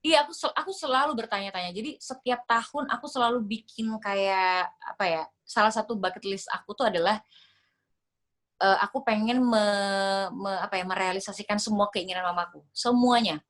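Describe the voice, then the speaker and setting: A woman's voice: medium pitch, a little fast, fairly bright tone. A woman in her twenties, a singer, chatting reflectively as an interview guest, with many fillers and restarts. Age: 20s. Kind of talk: casual interview chat.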